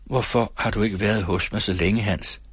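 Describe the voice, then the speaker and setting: A man's voice: steady tone, slightly rough, no echo, studio quality. A man voicing a desperate young village woman who pleads and then rages at her sweetheart. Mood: pleading. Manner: pleading, then fierce and high.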